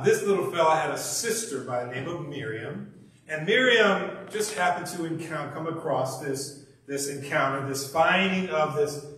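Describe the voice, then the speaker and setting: A man delivers a sermon in a church, retelling a story in a folksy, animated way, stumbling and restarting as he goes. His voice sits a little high. The mic is well away from him, and the sanctuary rings with heavy echo. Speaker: minister. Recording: very echoey hall, distant mic.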